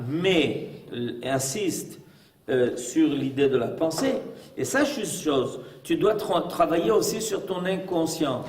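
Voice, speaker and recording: A man's voice: fairly high pitch, a little mellow. A man as a rabbi giving a religious lesson, emphatic and full of rhetorical questions. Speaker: rabbi teaching a class. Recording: echoey room, mic far off.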